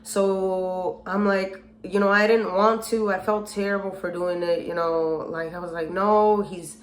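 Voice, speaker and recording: A woman casually telling a personal story, acting out the people she quotes with lively emphasis. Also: on the low side, a little slow, reverberant, a little hiss or hum. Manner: animated retelling with acted quotes. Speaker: storyteller vlogger.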